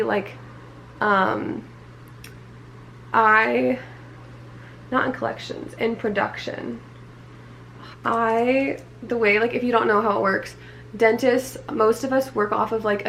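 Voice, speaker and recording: A young woman chatting casually in a home vlog, her hoarse voice cutting in and out, rambling with lots of fillers. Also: on the high side, a bit bright, a little hiss or hum, poor audio. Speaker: vlogger.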